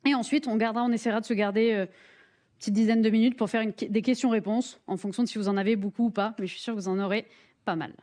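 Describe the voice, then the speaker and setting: A woman's voice: fairly high pitch, fairly even intonation, quick pace, darkish tone. A woman with a French accent presenting a live hands-on workshop in a conference room, friendly and joking, with many fillers and restarts.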